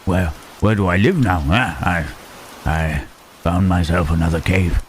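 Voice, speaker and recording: A man voicing Frankenstein's monster as a lonely, gentle creature who stammers and speaks formally in an ASMR roleplay. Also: low voice, measured pace, a little hiss or hum. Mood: tender, shy. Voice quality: hesitant, stammering, formal speech. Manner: soft questioning tags, huh, eh, hmm. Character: lonely, gentle male monster, shy and halting. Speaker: voice actor.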